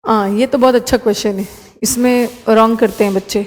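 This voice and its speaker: A woman teaching an English grammar class online, explaining in Hindi and reading example sentences slowly and carefully. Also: on the high side, fairly even intonation, in a large hall.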